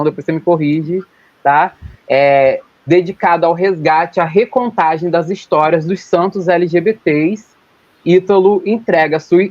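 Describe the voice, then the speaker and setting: A young man from Rio de Janeiro state, Brazil, hosts a casual podcast, his voice fairly high and a little mellow. He rambles chattily, correcting himself often and running through long lists. The recording is dry, with a dull lo-fi sound.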